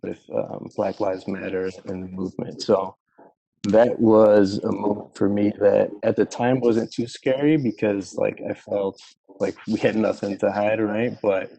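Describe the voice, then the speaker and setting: A man talks casually and reflectively in a discussion, with many filler phrases. His voice is very creaky and husky, mellow and fairly flat. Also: fairly low pitch, measured pace, no room sound, poor audio. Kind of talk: casual reflective personal account in a group discussion.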